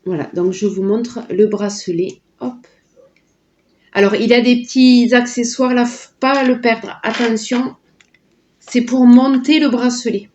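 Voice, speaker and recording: Unhurried woman vlogger, chatty, slightly high voice, muffled lo-fi sound. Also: steady tone, darkish tone. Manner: chatty and delighted, full of filler words. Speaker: vlogger unboxing a product. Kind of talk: casual sponsored unboxing chat.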